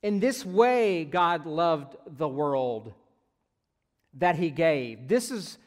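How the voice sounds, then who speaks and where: Pastor preaching in a reverberant hall. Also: male voice, a little high. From United States. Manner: conversational, jokey asides, frequent "right?". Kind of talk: sermon.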